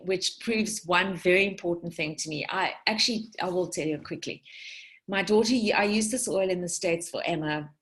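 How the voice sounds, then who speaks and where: A woman in her forties from South Africa, giving a chatty, rambling talk to her team about essential oils, full of tangents and restarts. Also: on the low side. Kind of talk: casual talk to an online group.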